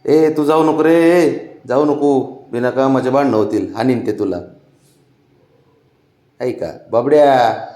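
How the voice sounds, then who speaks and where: A man's voice: mid-range voice, slow, long pauses, warm tone, echoey room. A man who coaxes his sulking pet in affectionate baby talk, with chuckles between lines. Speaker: pet owner coaxing his cat. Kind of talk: casual pet vlog talk.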